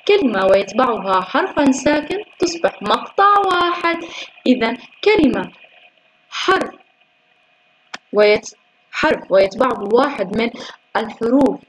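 A woman teacher with a fairly high voice takes young pupils through a workbook lesson. She often asks the class questions and praises the answers. She stretches each syllable slowly when sounding out words. A faint hiss runs under her voice. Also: animated, rough recording.

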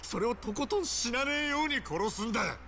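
Nishiki, a gruff, cornered young yakuza. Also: male voice, very high voice, lively intonation, brisk, pushed and bright, a little hiss or hum, full character voice. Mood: grim, pained. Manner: rough, blunt street speech. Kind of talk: video game voice acting.

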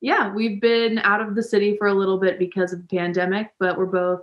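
A woman's voice: mid-range voice, monotone, brisk, reverberant, highs cut off. Chatty young woman on a video call. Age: 20s. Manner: chatty, laughs while talking. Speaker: guest, professional dancer. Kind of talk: casual interview chat. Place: indoor living room. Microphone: video call webcam.

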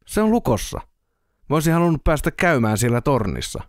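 A man voicing a nervous young male drunk who frets and worries out loud in an audiobook. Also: medium pitch, big pitch swings, no room sound, clean studio sound, voice pushed up, natural voice. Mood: whispering. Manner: anxious, fretful.

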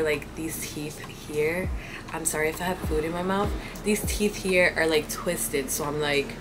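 A woman's voice: lowish voice, poor audio. A young woman vlogging to camera in casual chat, blunt, swearing freely and padding her talk with fillers. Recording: music playing behind the voice.

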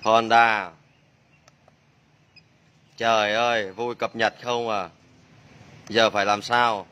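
A man's voice: lowish voice, flat delivery, slow, pushed and bright, smooth. A man working as a motorbike mechanic, demonstrating a repair and joking and exclaiming to himself as he works. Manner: chatty, jokey, exclaims under his breath.

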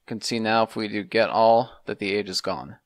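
A man in his thirties hosts a semi-casual programming screencast, methodically walking through instructions step by step. His voice is on the low side and a little fast, recorded dry.

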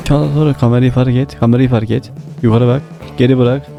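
Young guy gaming, gravelly mellow voice, bossy repeated orders, casual. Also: medium pitch. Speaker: gamer leading pranks in online matches.

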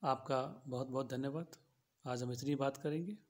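A man's voice: medium pitch, normal speed. A man giving a logic lesson, explaining patiently and restating each point in simpler words with everyday examples. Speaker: philosophy teacher. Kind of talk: lecture on logic.

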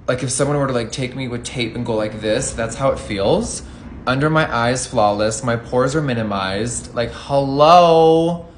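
A man's voice: mid-range voice, slight background noise. Sassy, campy man reviewing makeup. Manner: sassy and campy, calls viewers "bitch" and "baby"; swears often. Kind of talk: casual vlog review.

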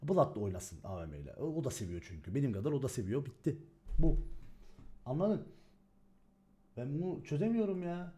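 A man's voice: mid-range voice, big pitch swings, a little fast, long pauses, dark tone, slightly rough. A man streaming and talking casually, ranting in an agitated way and swearing as he goes. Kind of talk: heated casual stream talk.

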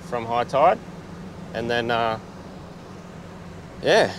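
An Australian man talks his way through a travel vlog outdoors, easygoing and rambling, full of fillers. His voice sits in a middle pitch, and a faint hum of wind and passing cars runs under it. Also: expressive, very slow. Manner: chatty, laid-back, with many fillers and restarts. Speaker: travel vlogger. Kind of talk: casual vlog narration. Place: outdoors on a beach. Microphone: small camera-mounted mic.

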